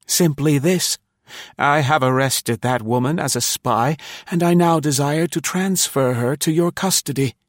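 A man reading aloud, voicing a scheming young male traitor who tries to sound calm but grows shrill. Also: a little slow, dry recording, studio quality, close to an everyday voice. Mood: accusing. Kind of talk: audiobook character reading.

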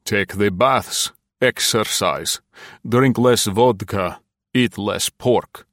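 A man voicing a fat, ruddy older Soviet general with a rasping voice, giving slow, deliberate orders in an audiobook. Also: on the low side, a bit bright, no echo, clean studio sound. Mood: commanding. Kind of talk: audiobook character voice.

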